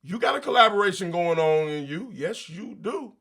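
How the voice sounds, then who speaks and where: Guy hosting a motivational talk, bright forceful voice, preachy, slangy, asks lots of rhetorical questions. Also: high-pitched, animated, moderate pace, creaky. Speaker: show host. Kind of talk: motivational monologue.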